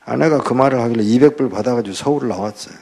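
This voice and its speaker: An older male pastor giving a testimony sermon, telling his story in an animated way and acting out the dialogue. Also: mid-range voice, very fast, vocal fry.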